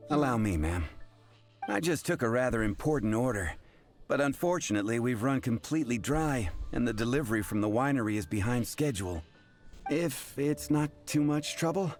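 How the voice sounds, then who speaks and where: A man playing a polite, businesslike, mildly harried barkeep in a video game, deferential and measured. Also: medium pitch, animated, a little mellow, soft background music, close to an everyday voice. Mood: apologetic.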